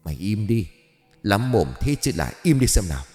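A man voicing a grumpy, crude old male ghost who scolds and pries, in a gruff manner in a spoken horror-comedy story. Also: lowish voice, big pitch swings, brisk, darkish tone, in a large hall, soft background music. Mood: scolding.

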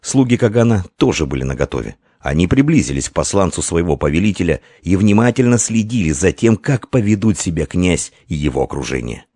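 Low-voiced, lively male audiobook narrator. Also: fairly quick, few pauses, breathy edge, dry recording, studio quality. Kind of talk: audiobook narration of historical fiction.

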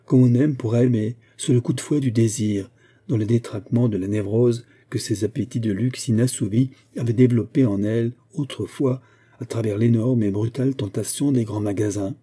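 Male audiobook reader, mid pitch, very warm dark timbre, husky, measured literary delivery. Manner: measured, expressive novel reading. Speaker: audiobook narrator.

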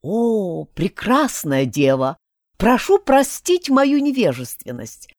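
A woman's voice: mid-range voice, sing-song, slow, darkish tone, no echo, studio quality. A woman voicing a theatrical young genie-wizard. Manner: theatrical, indignant and flowery. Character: grumpy sardonic young male spirit-wizard.

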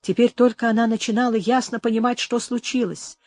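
An audiobook narrator giving a measured, expressive dramatic reading of a classic novel. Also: medium pitch, dry recording.

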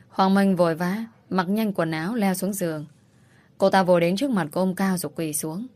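A woman narrating a family-drama audiobook in a steady, dramatic storytelling manner. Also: lowish voice. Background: faint music.

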